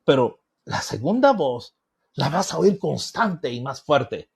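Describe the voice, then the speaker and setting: A man's voice: fairly high pitch, big pitch swings, slow pace, creaky, breathy edge. A middle-aged male pastor preaching a teaching sermon, acting out voices and objections with emphatic bursts.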